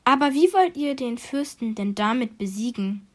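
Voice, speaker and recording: A woman voicing a young, kind princess in a storybook tale, speaking gently and with wonder. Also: a little high, expressive, moderate pace.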